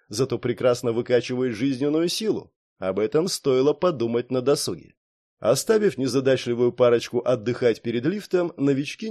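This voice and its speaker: A man reading a science fiction audiobook aloud, raising his pitch a little for the characters' lines. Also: dark tone. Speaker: audiobook narrator. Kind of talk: scripted audiobook narration.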